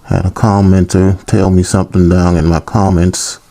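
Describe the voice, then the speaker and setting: A man's voice: deep voice, flat delivery, normal speed, creaky, warm tone. A man hosting his own cooking channel, talking casually and teasing his viewers in a playful way. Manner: playful, teasing, petty humor.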